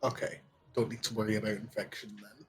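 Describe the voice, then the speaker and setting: A man's voice: on the low side, completely flat delivery, fast, faint music behind. A man talking casually as a player in a tabletop role-playing game.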